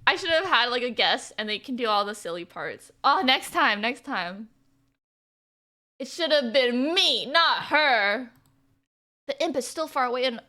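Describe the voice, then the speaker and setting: A woman's voice: sits high, sharp tone. A young woman streaming a game, reading the story text aloud and chatting between lines in a bubbly way. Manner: bubbly and chatty, laughing often. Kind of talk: live-stream playthrough, reading visual novel text aloud.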